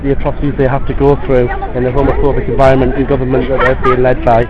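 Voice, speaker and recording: A man with a flat, level voice speaks earnestly and indignantly to an interviewer. A busy crowd is clearly heard around him. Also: medium pitch, fast, muffled recording, over loud music. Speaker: marcher. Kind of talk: street interview.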